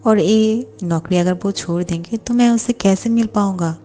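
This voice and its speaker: A woman's voice: mid-range voice, moderate pace, dark tone, natural voice. A woman voicing a lovesick, hot-tempered young male boss who snaps back with indignant questions. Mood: worried.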